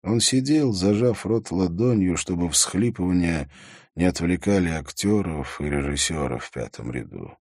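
A man giving a steady, measured audiobook narration. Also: low-pitched, husky, dry recording, studio quality. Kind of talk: scripted narration.

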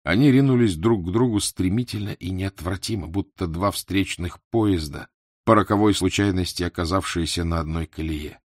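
A man narrating a literary novel in a measured, expressive way. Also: low-pitched, no room sound, studio quality. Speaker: audiobook narrator.

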